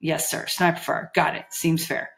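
A woman's voice: low-pitched, flat delivery, moderate pace, vocal fry, a bit bright. A woman voicing a nervous young male fairy officer who stammers and hedges meekly. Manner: stammering, meek, hedging.

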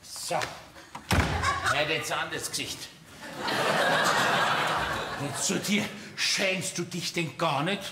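An actor playing a stubborn, shouting farmer, in a stage comedy. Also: male voice, on the high side, a little slow, heavy background noise, close to an everyday voice. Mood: blustering. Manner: shouting, gruff and indignant. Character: blustering stubborn middle-aged male farmer. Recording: echoey theatre with audience laughter.

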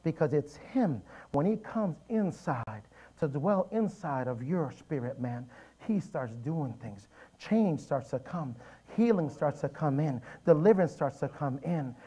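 A man preaching a sermon in a church, with animated storytelling and emphatic repetition. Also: on the high side, unhurried, slightly rough. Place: church sanctuary.

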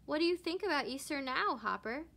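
A woman's voice: high-pitched, lively intonation, brisk, vocal fry, bright, forceful tone, pitched above the performer's own voice, heavily acted. A woman reading aloud voices a stern, commanding male hare who speaks formally. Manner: demanding, formal.

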